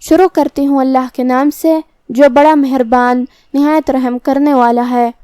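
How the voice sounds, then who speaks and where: A woman teaching Quran recitation, explaining each letter methodically and then reciting the verses slowly. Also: high voice, a little mellow, no room sound.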